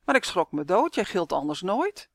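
A woman's voice: on the low side, big pitch swings, normal speed, no echo, clean studio sound. A woman reading as a fussy old grandpa.

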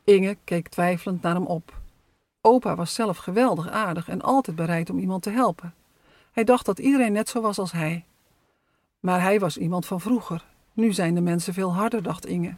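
A storyteller giving scripted narration of a children's story in a calm, even reading voice. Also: mid-range voice, moderate pace, no room sound.

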